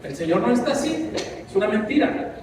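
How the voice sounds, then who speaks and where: A man's voice: high voice, big pitch swings, normal speed, background noise. A man preaching a sermon as pastor, impassioned and mixing in asides. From Mexico. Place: church. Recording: echoey church hall from a distance.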